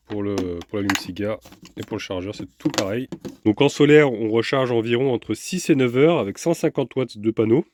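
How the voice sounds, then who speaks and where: Low-voiced man chatting through an unboxing. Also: slight background noise. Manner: relaxed, chatty, with filler hesitations. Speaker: vlogger reviewing a power station. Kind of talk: casual product unboxing.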